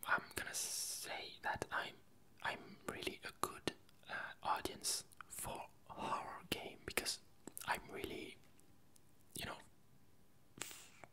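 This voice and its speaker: Whispering without voicing, an ASMR creator chats loosely about games and films. The delivery is soft and breathy, unrushed and halting as they look for what to say.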